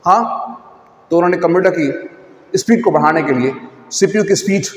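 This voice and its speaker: A man's voice: high-pitched, moderate pace, echoey room, long reverb tail. A man teaching computer basics in a lecture style, posing rhetorical questions and repeating key points.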